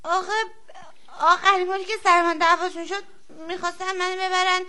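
An actor voicing a sick, eager and polite young boy who talks hesitantly and pleads. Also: heavily acted. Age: child. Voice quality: high bright child's voice. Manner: hesitant, pleading, then excited.

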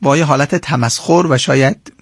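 Gravelly husky man explaining history. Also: mid-range voice, no echo. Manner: animated storytelling, quoting figures in shifting tones. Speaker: guest lecturer on history. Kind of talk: radio interview, explaining history.

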